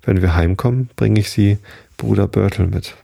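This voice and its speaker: A man's voice: fairly low pitch, moderate pace, creaky, warm tone. A man voicing an earnest, plaintive little girl of about five in a read-aloud story.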